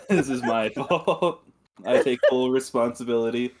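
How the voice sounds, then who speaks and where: A man's voice: mid-range voice, unhurried, darkish tone. A man co-hosting a casual podcast, teasing his friends in a laid-back way and laughing easily. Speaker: podcast co-host. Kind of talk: casual chat.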